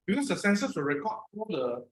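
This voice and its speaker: A man's voice: sits high, sing-song, fast talker. A man with a Singaporean accent giving casual, encouraging step-by-step instructions in short repeated phrases. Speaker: instructor guiding a player through a brain game. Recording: roomy, echoing sound.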